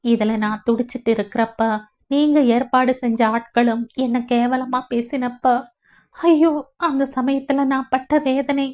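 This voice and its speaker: A woman voicing a wounded, defiant young village woman who speaks in sharp, accusing tones in a storybook reading. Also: high-pitched, fairly even intonation, measured pace, pitched above the performer's own voice. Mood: bitter accusing. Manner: sharp, accusing, rising in anger. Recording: dull lo-fi audio.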